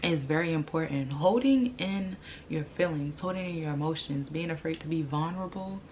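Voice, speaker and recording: Low-voiced young American woman, candid storyteller. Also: normal speed, darkish tone, a little hiss or hum. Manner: informal, slangy, candid and emphatic, drawing out and repeating words. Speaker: vlogger. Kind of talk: casual personal storytelling.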